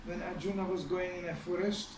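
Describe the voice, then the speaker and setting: A man's voice: sits high, fairly even intonation, fairly quick, a little hiss or hum. A man giving a storytelling sermon in a conversational way, with frequent asides to his listeners. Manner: conversational, many asides to the audience. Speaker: spiritual teacher giving a scripture class. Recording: echoey hall, mic at a distance.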